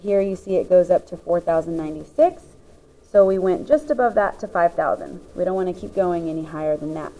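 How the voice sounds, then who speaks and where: A woman's voice: lowish voice, expressive, fairly quick, warm tone, low-quality recording. A woman teacher patiently explaining the parts of a graph, step by step, as she writes notes. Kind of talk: classroom lesson explaining graphs.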